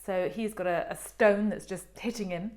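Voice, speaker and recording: A woman's voice: medium pitch, steady tone, normal speed, a little mellow. A middle-aged woman giving a chatty, meandering online art history talk, full of ums and playful asides.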